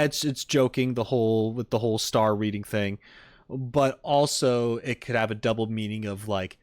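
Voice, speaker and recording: This is a dry, studio-quality recording of a medium-pitched man hosting a reaction livestream on game content. He chats casually with viewers, rambling, joking, and repeating himself.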